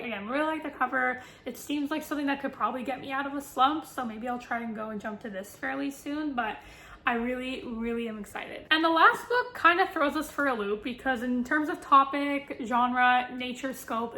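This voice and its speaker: A woman's voice: a little high, fairly bright tone, roomy sound, slight background noise. A woman book vlogger chatting casually to camera about her reading list, with lots of fillers and self-deprecating asides.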